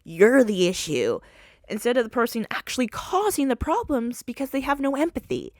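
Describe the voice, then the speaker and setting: A woman's voice: sits high, expressive, brisk, no echo, clean studio sound. A young woman hosting a casual solo podcast, talking animatedly, swearing freely and laughing as she goes. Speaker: podcast host.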